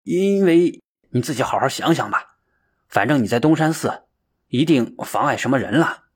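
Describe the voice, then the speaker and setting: A man's voice: mid-range voice, expressive, normal speed, husky. A man doing an anxious, pleading young monk. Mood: urgent. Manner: raised, pleading. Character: anxious young male monk, guilt-ridden and urgent.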